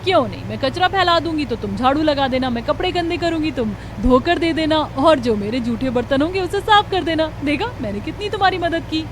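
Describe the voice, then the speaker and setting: A woman's voice: high-pitched, expressive, a little fast, hardly any pauses, background noise. A woman voicing a spoiled, arrogant rich young daughter-in-law in a cartoon story, speaking in a sneering way. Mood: haughty. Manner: haughty, sneering.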